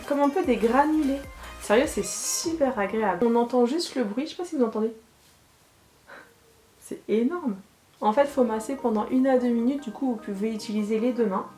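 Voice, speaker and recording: A woman in a casual beauty vlog testing a product, chatty and playful, poking fun at herself, sometimes dropping to a soft murmur. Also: on the high side. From France. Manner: chatty, playful, self-mocking, calls viewers her warriors. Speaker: beauty YouTuber. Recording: echoey room, soft background music.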